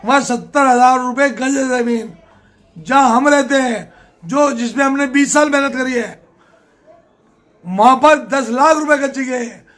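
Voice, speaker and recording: Older man, political candidate, plain-spoken, emphatic, high voice. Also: a bit bright. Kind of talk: interview answers.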